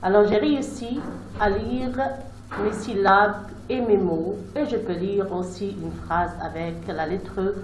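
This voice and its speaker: Woman, reading teacher, very slow and deliberate sounding out, roomy echo, faint background noise. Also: mid-range voice, steady tone. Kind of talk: slow reading lesson for young children.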